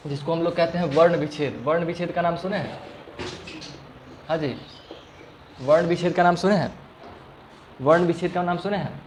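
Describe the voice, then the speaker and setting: A man with a fairly high, slightly mellow voice teaches grammar to a class. He repeats the same question many times, stretches sounds out as examples, and frequently checks that students follow. A faint hiss or hum runs under the recording.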